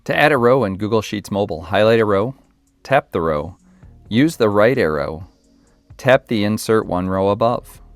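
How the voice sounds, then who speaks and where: A man's voice: lowish voice, lively intonation, moderate pace, no echo. A man giving scripted tutorial narration, reading instructions as short, clipped steps. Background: music.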